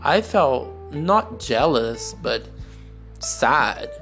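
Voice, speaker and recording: A young Brazilian podcast host with an expressive, fairly bright mid-range voice shares a personal story over faint music, recorded on a phone. He speaks English as a non-native speaker with a Brazilian accent, his first language being Portuguese, and he goes slowly and candidly, searching with pauses and restarts.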